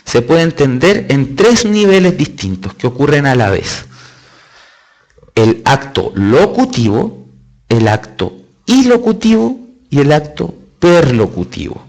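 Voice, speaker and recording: A man's voice: fairly high pitch, sing-song, measured pace, darkish tone. A man with a Chilean accent teaching a live online lesson, explaining step by step with emphatic stresses and chatty asides. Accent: Chilean Spanish. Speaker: test-prep teacher.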